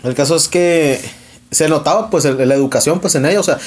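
A man's voice: a little high, a little fast. A young Mexican man with a Mexican accent, retelling an argument in casual podcast chat, full of slang and swearing. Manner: profane, slangy, animated retelling with quoted dialogue. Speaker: podcast host.

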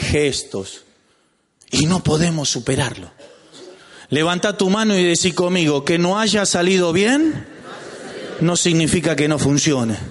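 A man with a Rioplatense accent preaching a lively sermon as pastor, joking and calling out to his congregation. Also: on the high side. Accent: Rioplatense Spanish. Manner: animated, calls out to the congregation, jokes. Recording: long hall reverb.

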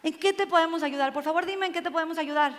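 A man's voice: extremely high pitch, quick pace, a bit bright. Kindly rabbi, as a woman tells it. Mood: gentle. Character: kindly rabbi guiding a rich donor. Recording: long hall reverb.

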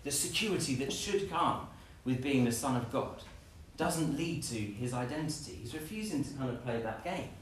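Preacher in an echoey hall. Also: male voice, mid-range voice, normal speed, few pauses, a little hiss or hum. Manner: animated, acts out scenes in playful voices. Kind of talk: sermon. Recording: echoey room, from a distance.

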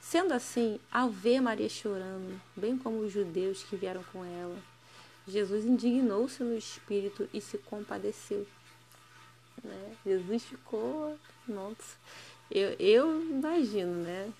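A woman's voice: medium pitch, unhurried, darkish tone. A woman reading a Bible passage aloud and commenting on it in a conversational, sometimes emphatic way, often ending phrases with a questioning tag. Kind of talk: scripture reading with casual commentary.

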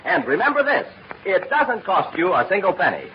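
A male announcer narrates in emphatic 1940s radio style. His voice sits fairly high and moves in lively swings. The recording is muffled and old. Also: moderate pace, slight background noise.

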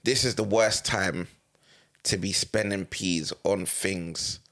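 A man's voice: deep voice, steady tone, slow pace, a bit bright. A young man with a London roadman accent, chatting casually in heavy street slang and repeating himself for emphasis.

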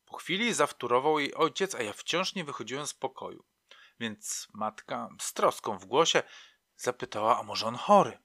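A man's voice: mid-range voice, expressive, normal speed, sharp tone, no room sound, clean studio sound. A man reading a novel aloud in a reflective, wry storytelling manner. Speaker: narrator. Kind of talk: audiobook narration.

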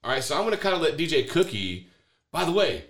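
A man's voice: fairly high pitch, very animated, fast, fairly bright tone. A man co-hosting a casual family podcast with his child, playful and full of prompting questions. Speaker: podcast co-host and parent.

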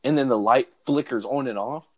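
A man's voice: mid-range voice, fairly quick. A young man hosting a podcast, telling a story in casual chat with frequent laughter. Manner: animated storytelling, laughing often. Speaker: podcast host.

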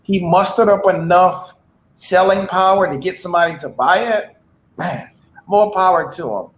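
A man co-hosting a casual chat, telling stories with lively bravado. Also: high voice, moderate pace, roomy sound, low-quality recording. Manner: lively, storytelling, hustler bravado.

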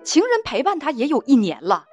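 A woman's voice: high-pitched, big pitch swings, brisk, a little mellow. A woman hosting a relationship advice show, telling a listener's story with scorn and indignation and laughing along the way. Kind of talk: storytelling commentary. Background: faint music.

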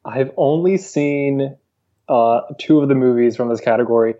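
Casting: man of middle pitch, podcast guest, hesitant and measured, dull lo-fi sound. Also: warm tone. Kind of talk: casual chat.

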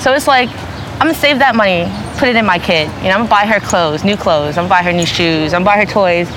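This casual interview features a twenty-something woman from New York, employed at her family's store, who talks quickly in a mid-range voice and leans on "you know" often. Background noise runs throughout.

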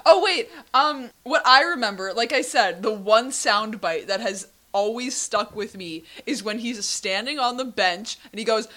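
A woman's voice: a little high, a little slow, hardly any pauses. A young woman co-hosting a podcast who chats casually, laughing often as she recounts scenes. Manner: giggly and animated, recounting scenes. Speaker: podcast co-host. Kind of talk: casual chat.

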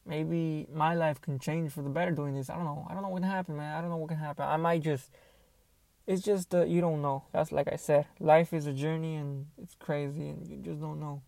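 A young man records a casual solo podcast on an earbuds mic in his car. His voice sits a little high and often crackles with vocal fry. The sound is close and dry as he hesitates and thinks out loud. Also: dry recording. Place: inside a car.

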